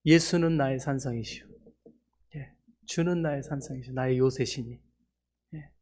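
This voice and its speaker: A middle-aged man preaching in a church, giving a personal testimony that moves from soft, hushed prayer to loud, almost tearful excitement. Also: mid-range voice, normal speed. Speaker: missionary preacher. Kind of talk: sermon testimony.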